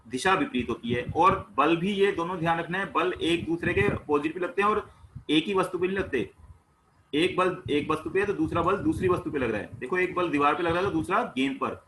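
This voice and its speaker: Bright-voiced man teaching science. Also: a little high, fairly quick, slight background noise, rough recording. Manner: asks questions and answers them himself; plain everyday explanations with household examples. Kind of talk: explaining a class 9 worksheet.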